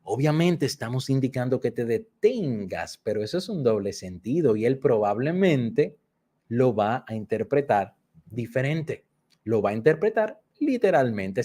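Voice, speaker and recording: A man's voice: mid-range voice, mellow, slightly rough. A man teaching a workshop lesson, explaining patiently and repeating key points to his listeners. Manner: acts out children's repeated phrases. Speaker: instructor.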